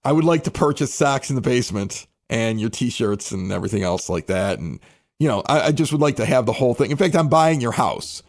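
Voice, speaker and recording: A shadowy man with a briefcase, polite and low-voiced, with a quiet menace under his calm offer, as a podcaster puts him on. He speaks softly and evenly. His voice sits lower and quieter than the podcaster's usual talk. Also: a little fast, no echo, clean studio sound, lightly acted.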